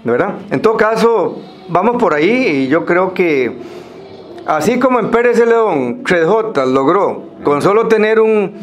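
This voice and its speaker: A Costa Rican man speaking semi-formally to a group, explaining things in a halting way with pauses and repeated words. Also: sits high, lively intonation, soft background music.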